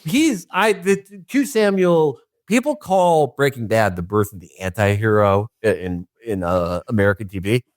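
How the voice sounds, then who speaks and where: A man spins profane stories on a podcast, his pitch swooping up and down. The sound is dry and close to the mic. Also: normal speed, few pauses, no echo. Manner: animated, profane storytelling. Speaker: podcast co-host. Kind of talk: casual chat.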